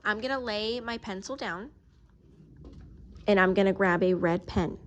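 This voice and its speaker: Female teacher, mid-pitched, patient, step-by-step math lesson voice, occasionally slows down while writing. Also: muffled recording, a little hiss or hum. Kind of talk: recorded math video lesson.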